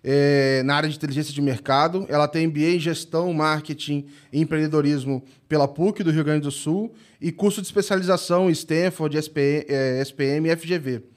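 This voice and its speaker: A man hosting a podcast, introducing his guest and chatting casually in a halting way. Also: a little high, fairly even intonation. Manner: halting, many "é" fillers and restarts. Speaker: podcast host. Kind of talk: casual interview chat.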